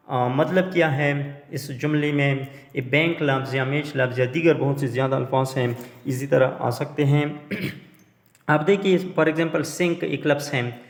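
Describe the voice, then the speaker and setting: A man teaching English grammar in a slow, explanatory way, spelling words out letter by letter and pausing often. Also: a little high, reverberant, in a large hall.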